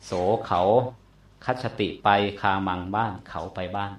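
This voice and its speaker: A man teaching a Pali grammar lesson, explaining slowly and repeating terms to drill pronunciation. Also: fairly low pitch, fairly bright tone. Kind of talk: classroom lecture. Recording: echoey room.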